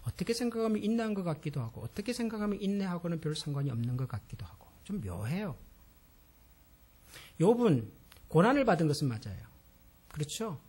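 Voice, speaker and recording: A man's voice: sits high, sing-song, a little fast, a little mellow, breathy edge. A male pastor giving a sermon, speaking straight to the congregation and building to impassioned appeals. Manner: addresses the congregation directly, rising to impassioned appeals.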